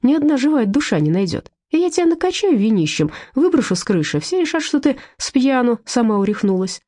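A woman reading an audiobook voices a drunk, aggressive man who threatens and shouts. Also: fairly high pitch, big pitch swings, a little fast, pitched above the performer's own voice. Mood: menacing.

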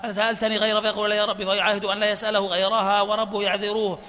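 A man reading hadith chains aloud at a study session, in a rapid, flat recital. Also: high voice. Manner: reads fast in a flat chant, laughs softly at times. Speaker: hadith reader. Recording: reverberant hall with faint noise.

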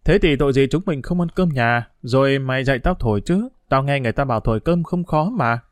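A man reading a storybook aloud and voicing a cheeky, excitable street boy in a raised, exclaiming voice. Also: a little fast, no room sound, studio quality, lightly acted. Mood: excited. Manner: exclaiming, brash, high-pitched.

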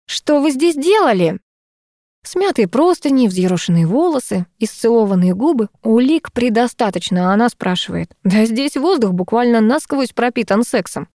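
A woman narrating a first-person audiobook in a lively, expressive way. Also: a little high, moderate pace, few pauses, dry recording, clean studio sound.

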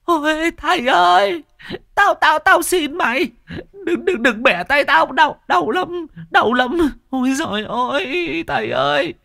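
A man's voice: very high voice, expressive, measured pace, vocal fry, sharp tone, no echo, studio quality, voice pushed up, heavily acted. A man voicing a spiteful, cowardly ghost that shrieks, stammers and begs. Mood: pleading.

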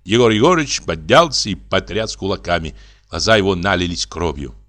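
Expressive male audiobook narrator; animated pitch, bright voice. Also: normal speed. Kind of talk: audiobook story reading.

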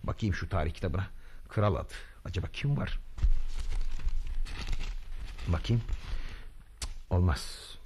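A man's voice: sits low, normal speed, a little mellow, a little hiss or hum, natural voice. A man acting a vain, boastful would-be freedom hero in a radio drama, telling his deeds grandly and muttering to himself. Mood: musing. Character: boastful self-styled male freedom hero, pompous, vain.

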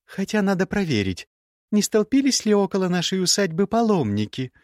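Rich: An icy young sorceress, as a male reader puts her on, scornful and mocking, her voice pitched high and swinging widely as she cuts her former lover down. The recording is dry and close, with no room sound. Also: sing-song, brisk, no room sound. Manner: cutting, mocking, icy sarcasm. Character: sharp-tongued sarcastic young woman mage. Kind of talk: audiobook character voice.

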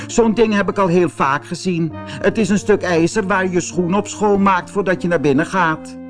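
A man's voice: sits high, moderate pace, faint music behind, pitched above the performer's own voice, close to an everyday voice. Man doing a timid, trembling little mole. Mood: eager. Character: timid little male mole, fearful and weary.

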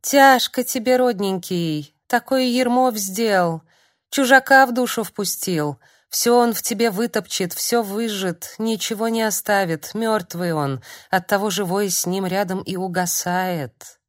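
A woman's voice: mid-range voice, unhurried, no room sound, clean studio sound, natural voice. A woman voicing a strange young village madwoman who murmurs tender, uncanny prophecies in a singsong way. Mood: pitying.

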